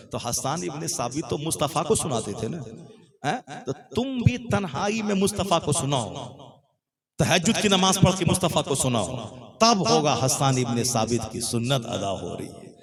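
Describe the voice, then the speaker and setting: A man's voice: on the high side, lively intonation, normal speed, creaky. A man preaching a sermon at a public gathering, in words, asking the listeners questions and driving points home repeated lists. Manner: rhetorical questions to the crowd, repetitive emphatic lists. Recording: live crowd audible behind the voice.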